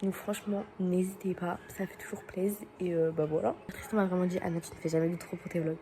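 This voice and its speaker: A woman's voice: on the low side, steady tone, fast talker, mellow. A young woman talking casually to her viewers as a vlogger. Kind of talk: casual vlog talk to viewers. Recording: background chatter and noise.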